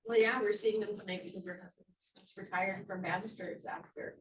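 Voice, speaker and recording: A woman's voice: medium pitch, fairly even intonation, brisk. A woman chatting casually with colleagues in agreeable small talk. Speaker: meeting participant. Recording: echoey room from far off with noise.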